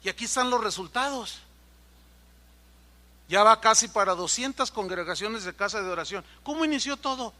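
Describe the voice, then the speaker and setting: A man's voice: high-pitched, lively intonation, normal speed, sharp tone. A man preaching a sermon as pastor, telling stories with animation and acting out the voices of the people in them.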